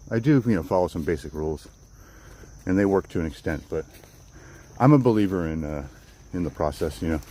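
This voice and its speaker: This deep, slightly mellow male voice belongs to a streamer hosting a walk and talk in the woods, casually chatting with viewers. His talk wanders, looping back to repeat and restart phrases, over faint crickets and outdoor nature sounds.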